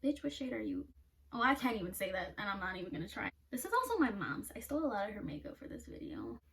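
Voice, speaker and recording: A woman's voice: medium pitch, big pitch swings, fast talker, gravelly, fairly bright tone. A young woman doing a casual makeup vlog, blunt and self-mocking, swearing freely and laughing at herself. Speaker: beauty vlogger. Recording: somewhat distant mic with faint noise.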